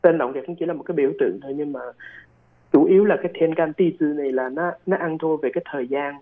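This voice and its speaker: A man's voice: a little high, fast. Man on a phone line. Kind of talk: casual explanatory chat.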